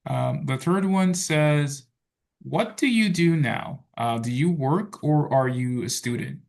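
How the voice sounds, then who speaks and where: A man teaching an English class, talking in a relaxed way full of fillers like "so" and "okay". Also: a little high, slow, creaky. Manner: relaxed, filler-heavy, says "so" and "okay" a lot. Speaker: English tutor. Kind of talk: online tutoring class.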